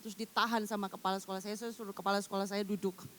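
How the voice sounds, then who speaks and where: A middle-aged woman evangelist preaching a sermon, calling her listeners brother and sister and swinging between loud emphatic lines and hushed storytelling. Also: mid-range voice, flat delivery, rapid-fire, slight background noise. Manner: addresses the congregation as "saudara", acts out quoted voices.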